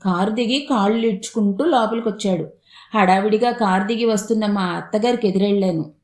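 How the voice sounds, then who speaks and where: A woman telling a humorous family story in the first person with lively narration. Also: mid-range voice, fairly quick, reverberant.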